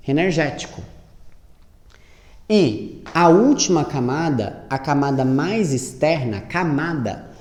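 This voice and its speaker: A man teaching chemistry, lively, asking and answering his own questions and spelling out each step slowly. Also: medium pitch. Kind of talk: classroom lesson at a board. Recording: roomy echo with long reverb.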